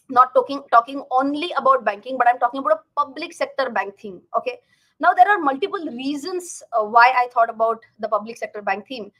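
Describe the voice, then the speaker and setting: A woman's voice: high-pitched, sharp tone, low-quality recording. A woman with an Indian accent hosting a casual livestream as a finance educator, chatting directly to viewers and repeating words for emphasis.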